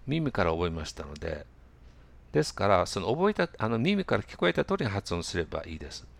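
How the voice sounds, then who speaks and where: A man with a very low, gravelly voice teaches pronunciation in a loose, conversational way. He pauses on fillers and drags out example words so they can be heard clearly. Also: very animated. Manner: many fillers, repeats example words slowly. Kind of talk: casual spoken lesson.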